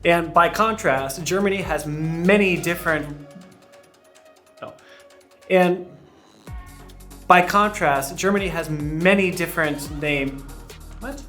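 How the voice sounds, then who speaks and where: A man's voice: on the high side, slow, pauses often, pushed and bright, faint music behind. A man co-hosting a casual vlog, goofy and teasing as he jokes along. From United States. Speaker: co-host of a couple's vlog.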